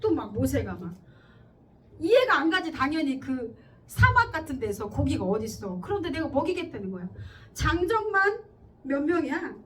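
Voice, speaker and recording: A woman pastor delivers a sermon in a church, speaking in a conversational way, often checking in with her listeners and acting out quoted speech. Her voice is high-pitched, very animated and a bit bright, at a moderate pace. It's picked up by a distant mic with faint background noise.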